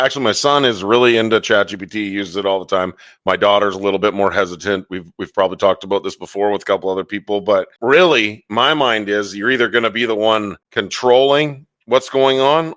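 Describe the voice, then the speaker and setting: A man's voice: lowish voice, fairly bright tone, no room sound. A middle-aged man hosting a casual interview podcast, enthusiastic and swearing freely. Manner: enthusiastic, profane. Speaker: podcast host.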